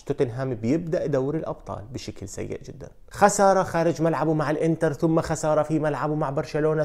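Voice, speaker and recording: Fast-talking Levantine man, football countdown. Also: medium pitch, creaky. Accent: Levantine Arabic. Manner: fast, animated storytelling with frequent fillers. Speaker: sports video host. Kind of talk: energetic football countdown commentary.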